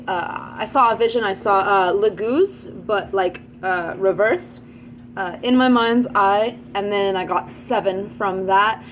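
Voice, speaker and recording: This tarot reader's voice is on the high side, with a faint hiss or hum in the recording. She chats her way through a casual channeled reading to camera, leaning on fillers and checking in with listeners frequently.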